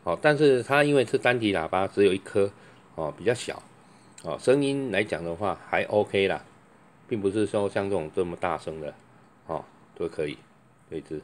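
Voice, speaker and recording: Low-voiced salesman. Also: a little hiss or hum. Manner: loose, chatty, fills pauses with drawn-out "oh"; tests each mic by calling into it. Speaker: microphone seller. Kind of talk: product demonstration.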